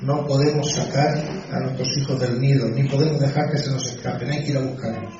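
Pastor preaching in an echoey hall. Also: male voice, mid-range voice, steady tone, brisk, background noise. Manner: conversational, frequent "¿sí?" and "¿sabes?" asides. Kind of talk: sermon with personal anecdote. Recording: dull distant echoey church hall.

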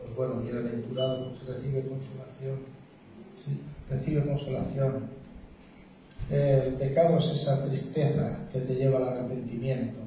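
A man preaching a sermon with a Spain Spanish accent, earnest and emphatic, swinging between loud declarations and hushed words. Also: mid-range voice, little pitch movement, moderate pace, slight background noise. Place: church. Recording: very roomy church hall from a distance.

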